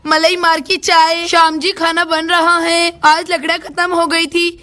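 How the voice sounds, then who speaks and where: A woman's voice: extremely high pitch, flat delivery, measured pace, bright, forceful tone, full character voice. A woman voicing a patient young village wife in a doll story, explaining soothingly.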